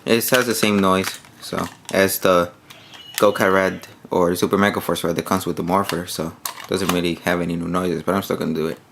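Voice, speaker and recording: A man's voice: sits low, fairly even intonation, brisk, vocal fry, very noisy. A man giving a casual, hands-on toy review, rambling with many fillers while he demonstrates the pieces.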